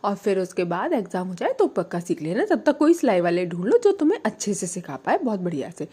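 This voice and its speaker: A woman's voice: mid-range voice, big pitch swings, brisk, dark tone, breathy edge. A woman voicing a chatty, practical middle-aged mother who gives matter-of-fact advice. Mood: approving.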